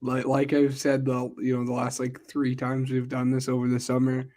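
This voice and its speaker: A young man co-hosts a casual podcast in a warm, monotone voice of medium pitch at a moderate pace. He chats loosely, leaning on lots of "like" and "uh," and keeps cracking jokes.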